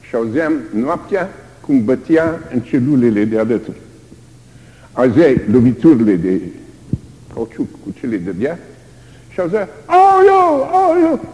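An older man preaching a sermon, dramatic and lively, sometimes crying out the screams of the tortured. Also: medium pitch. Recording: long hall reverb.

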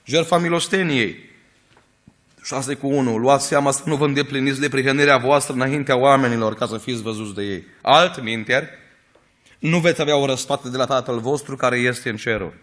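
A man preaching a sermon in an earnest storytelling way, rising at times to emphatic, louder peaks. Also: medium pitch, steady tone.

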